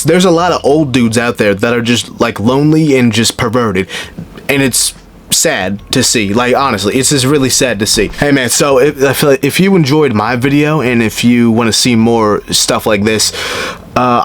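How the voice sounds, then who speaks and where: A man giving casual reaction commentary, rambling with lots of filler words, swearing and sounding exasperated. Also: mid-range voice. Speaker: reaction video host.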